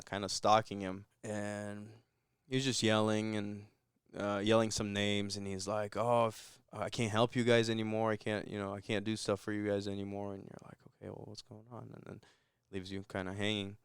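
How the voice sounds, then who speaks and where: A man's voice: lowish voice, little pitch movement, brisk, smooth, dry recording, studio quality. A man co-hosting a podcast, giving a rambling, laid-back recap of a movie in casual chat with chuckles. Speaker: podcast co-host.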